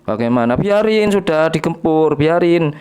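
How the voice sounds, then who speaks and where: A man mockingly putting on a preachy voice that scolds people to stay meek and keep quiet. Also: lively intonation, normal speed, clean tone, lightly acted. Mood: scolding. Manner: high, whiny, scolding sing-song.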